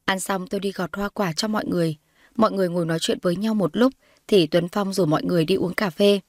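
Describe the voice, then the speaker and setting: Brief: woman storyteller, mid-pitched, very dry close recording, reads all the parts herself. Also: fairly even intonation, fast, no room sound. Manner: reads all the characters' lines in her own voice, rising when characters shout. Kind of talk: scripted narration with voiced dialogue.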